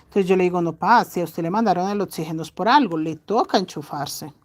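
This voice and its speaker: A middle-aged woman chatting casually to her viewers, loud-voiced and fond of affectionate diminutives. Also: on the low side, quick pace. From Colombia. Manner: speaks loudly. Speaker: crochet channel host.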